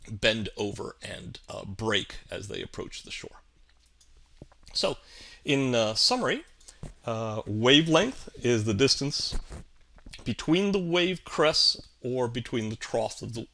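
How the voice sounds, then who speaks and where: A man narrating a video tutorial, slow and halting, with many ums and uhs. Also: mid-range voice, gravelly, a bit bright. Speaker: animation physics teacher.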